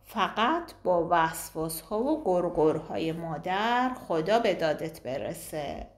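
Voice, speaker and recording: A woman's voice: fairly low pitch, big pitch swings. A woman reading an audiobook voices a chatty adult woman friend who banters and gossips, in a roomy recording. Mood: teasing.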